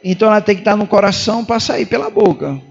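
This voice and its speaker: Fervent Brazilian pastor with a very high voice. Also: male voice, fast talker, gravelly, breathy edge, lo-fi sound. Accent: Brazilian Portuguese. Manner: fervent, emphatic repetition, calls listeners "irmão". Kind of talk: sermon.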